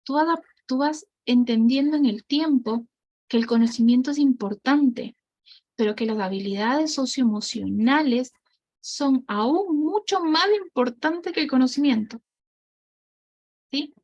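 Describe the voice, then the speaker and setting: High-voiced woman leading an online group. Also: a little slow, a little mellow, no echo, lo-fi sound. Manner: encouraging, invites others to speak. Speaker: group facilitator.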